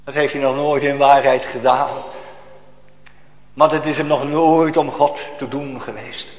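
Slow solemn preacher in an echoey church. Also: male voice, mid-range voice, fairly even intonation. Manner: slow, solemn, rising to emphatic outbursts. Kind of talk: sermon.

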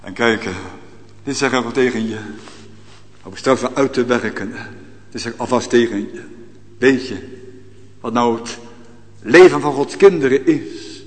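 A man preaching a sermon as pastor, swinging between loud, rising calls and hushed, low passages. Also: a little slow, long pauses. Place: church. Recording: long church reverb.

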